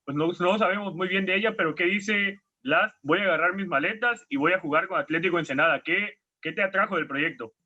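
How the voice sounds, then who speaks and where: A Mexican host asks direct, probing questions in a bright, tense voice pitched a little high. The sound is muffled and lo-fi. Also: male voice, fairly quick. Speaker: interviewer host. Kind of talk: interview questions.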